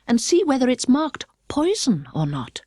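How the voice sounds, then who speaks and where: Storybook child heroine, played by adult woman: little girl, curious, earnest, well-mannered, raised pitch, very animated melody. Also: normal speed, no room sound, clean studio sound, heavily acted. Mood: cautious. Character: curious little girl, polite, earnest, prone to self-scolding.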